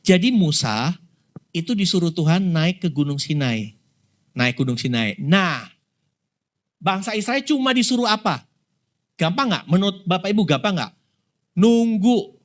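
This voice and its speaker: A man, preaching as a pastor in a relaxed, conversational way and often asking his congregation questions. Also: high-pitched, unhurried, long pauses. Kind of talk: sermon. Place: prayer room in a mall.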